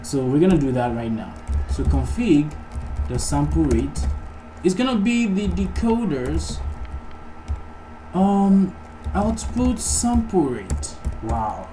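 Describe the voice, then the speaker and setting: Faint music plays behind this tutorial host, whose fairly high voice has a dark tone, big pitch swings and a slow pace. He thinks aloud casually through each step of an informal coding walkthrough, over background noise and keyboard typing in a clearly noisy recording.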